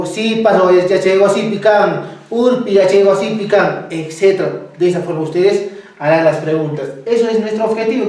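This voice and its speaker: A woman's voice: mid-range voice, warm tone, distant mic. A woman teaching a language lesson, asking her students questions and coaxing answers from them. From Cusco, Peru. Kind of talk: classroom lesson. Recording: very echoey room, voice from off the mic.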